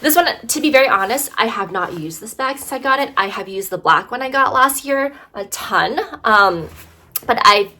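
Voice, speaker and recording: A fashion vlogger casually reviews bags, chatty and full of fillers and "right?", her voice slightly congested from allergies. She speaks at normal speed in an expressive, bright, forceful voice on the high side.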